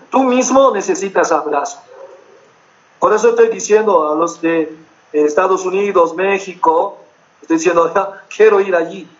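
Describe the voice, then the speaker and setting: A middle-aged man with a high voice preaches to his congregation, earnest and repetitive, stopping often to ask whether they follow. The recording is dull and lo-fi. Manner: earnest, repetitive preaching with frequent check-in questions. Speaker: pastor. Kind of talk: sermon.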